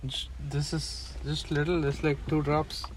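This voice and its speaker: Joking young man, slightly high voice. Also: little pitch movement, unhurried, far from the mic, a little hiss or hum. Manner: joking, recites film lines. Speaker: podcast co-host. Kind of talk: casual banter.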